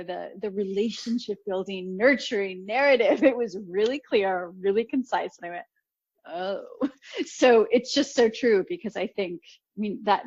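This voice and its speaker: Animated woman coach, slightly lo-fi. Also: a little high. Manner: animated storyteller, laughs often. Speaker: podcast guest, coach. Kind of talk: casual conversational interview. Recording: slightly dull lo-fi audio.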